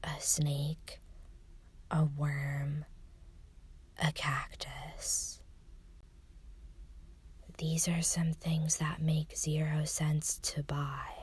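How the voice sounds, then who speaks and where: A woman whispering deadpan jokes in an ASMR style, in a breathy voice with a deliberate delivery. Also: low-pitched, a little hiss or hum. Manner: slow, deliberate delivery with short list items.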